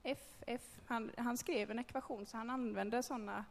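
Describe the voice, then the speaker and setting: A woman's voice: fairly high pitch, steady tone, creaky, in a large hall. A woman giving a candid, conversational personal testimony to a group, with frequent hesitations. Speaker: speaker telling a personal faith story.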